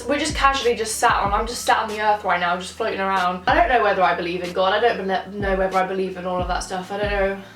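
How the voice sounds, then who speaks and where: A young woman, chatting casually to camera as a vlogger, gushing and swearing a lot. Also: medium pitch. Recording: roomy sound, mic far off, faint music.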